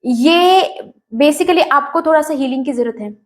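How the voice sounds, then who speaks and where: A woman's voice: high-pitched, measured pace. A woman giving a tarot reading, speaking straight to the viewer, mixing English words into her Hindi and repeating phrases. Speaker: tarot reader.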